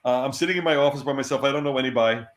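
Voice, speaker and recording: A middle-aged man, a former comics editor, tells lively stories as an interview guest. He laughs often and repeats words when excited. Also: medium pitch, rapid-fire. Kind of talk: casual anecdotal storytelling. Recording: roomy echo.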